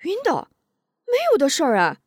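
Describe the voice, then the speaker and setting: An excitable young martial artist, as a woman narrator acts him out bursts out in loud, urgent lines that jump up and down in pitch. The sound is dry and close. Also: normal speed, dry recording. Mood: urgent, excited. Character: hot-headed young male martial artist.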